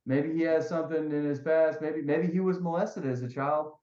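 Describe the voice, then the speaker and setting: A man's voice: on the high side, fairly even intonation, normal speed, dark tone. A man co-hosting a podcast in casual chat, blunt and rambling, often repeating himself. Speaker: podcast co-host. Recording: echoey, dull lo-fi room sound.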